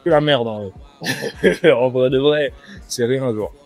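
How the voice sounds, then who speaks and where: A young French rapper, appearing as a guest, chats casually over a meal in a restaurant while music plays in the background. His mid-range voice moves slowly, and he is laid-back and slangy, repeating himself in this relaxed interview.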